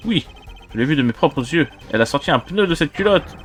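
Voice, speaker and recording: A man's voice: fairly high pitch, animated, fairly quick, soft background music, pitched above the performer's own voice, lightly acted. Guy putting on a nervous nerdy student witness, pleading, goes on about science. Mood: pompous. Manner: protests in a pleading voice.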